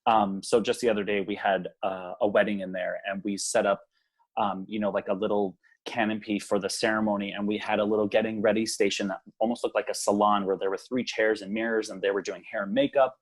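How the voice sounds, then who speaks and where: The recording is rough, but you can hear a young man from Hawaii talking fairly quickly in a lowish voice. As a guest being interviewed about his small business, a venue, he stays laid-back, says um a lot, and laughs readily.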